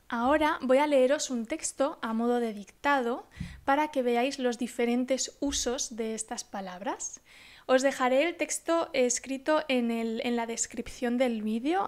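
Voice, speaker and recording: A high-pitched woman teaches a language lesson. She speaks slowly and carefully, spelling out examples and dictating a text for learners. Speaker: Spanish teacher.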